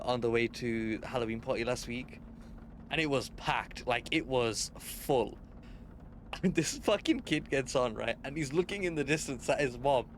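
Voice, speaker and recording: A man's voice: medium pitch, a bit bright, a little hiss or hum. A young man streaming a game, chatting casually with viewers and swearing a lot. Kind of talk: casual live-stream chat.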